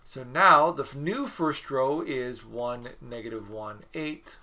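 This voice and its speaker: A man's voice: mid-range voice, takes it slowly, pushed and bright. A man teaching a recorded math mini lecture, working problems aloud in a chatty, joking way. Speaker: math instructor.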